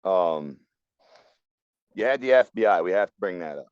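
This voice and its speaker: A man's voice: low-pitched, expressive, moderate pace, smooth, no room sound, muffled recording. A man co-hosting a podcast, talking through politics in a blunt, opinionated way. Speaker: podcast co-host. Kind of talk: casual political talk.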